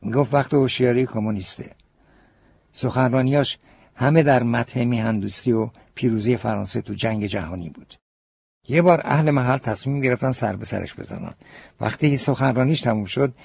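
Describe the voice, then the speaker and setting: Male audiobook narrator, steady storytelling, dry close sound, dull lo-fi. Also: medium pitch, vocal fry, breathy edge, no room sound. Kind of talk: scripted narration.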